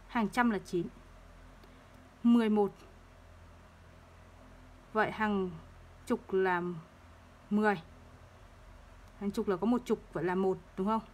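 A woman teaching third-grade math, explaining place values slowly and patiently and repeating each number. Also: mid-range voice, darkish tone. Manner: slow, patient, repeats numbers to drill them.

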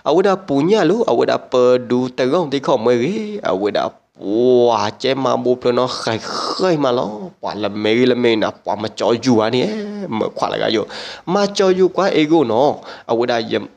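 A man telling a traditional story aloud in an unhurried, steady way. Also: medium pitch, gravelly. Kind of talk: oral folk storytelling.

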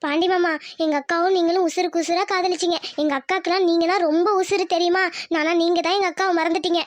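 A woman voicing a caring little village schoolgirl in a cartoon, with high, sweet childlike chatter. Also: little pitch movement, fast talker, no echo. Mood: consoling. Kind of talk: cartoon voice acting.

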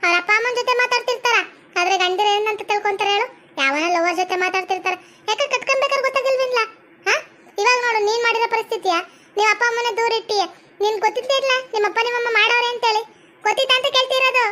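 A woman playing a bossy, sharp-tongued middle-aged village aunt in a comedy skit, speaking with a North Karnataka Kannada accent. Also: very high voice, very fast. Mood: scolding. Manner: scolding, sharp-tongued, theatrical.

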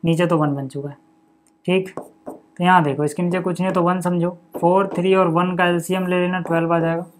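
A man's voice: sits high, flat delivery, fairly quick, slight background noise. Man talking through maths steps. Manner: quizzes the viewer then answers himself, with "ठीक है" and "यार"; reads out numbers and steps one by one. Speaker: maths teacher. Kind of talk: step-by-step board lesson.

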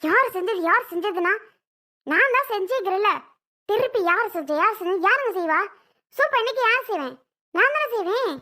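A woman playing a flustered young wife with a bright high voice. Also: normal speed, pauses often. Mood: pleading, defensive. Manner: pleading, then snapping back. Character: flustered young wife defending her cooking. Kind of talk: comedy skit acting.

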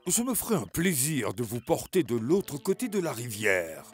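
A man's voice: mid-range voice, sing-song, normal speed, soft background music, lightly acted. A man voicing a sly, scheming hungry wolf in a cartoon. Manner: smooth and scheming. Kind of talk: cartoon voice acting.

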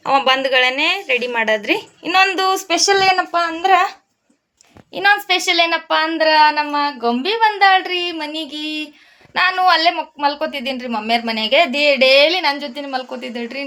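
A woman's voice: fairly high pitch, pushed and bright. A woman, chatting casually to viewers as she cooks at home for her vlog. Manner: chatty, addresses viewers politely with frequent "ri". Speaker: vlogger.

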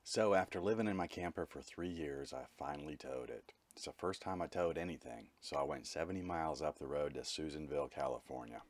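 Vlogger narrator: man with an extremely low voice, candid and matter-of-fact, dry close recording. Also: a little fast, hardly any pauses, dry recording. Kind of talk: reflective voice-over narration.

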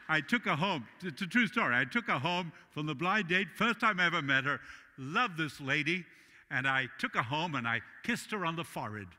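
A middle-aged Uruguayan man with a Latin American Spanish accent preaches an animated, joke-filled sermon as guest speaker, gesturing widely while walking a large church's sanctuary stage. His voice is a little high at a moderate pace, and the recording carries long hall reverb.

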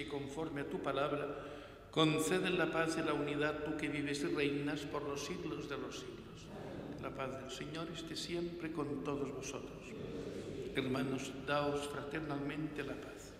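Solemn priest in an echoing church. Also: male voice, on the high side. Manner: solemn, measured liturgical recitation. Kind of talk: celebrating Mass. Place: large church, indoors at the altar. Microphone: stand mic on the altar. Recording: echoey church with long reverb.

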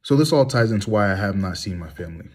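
A man in his thirties, voice lowish, darkish, and breathy-edged, speaks expressively and quickly in a blunt, heated monologue full of rhetorical questions. This vlogger reclines in a small room, filming himself on a phone held at arm's length.

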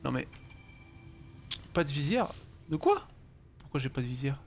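A man's voice: medium pitch, sing-song, measured pace, slight background noise. A man giving casual gaming commentary, muttering to himself and swearing offhandedly. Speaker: let's play host.

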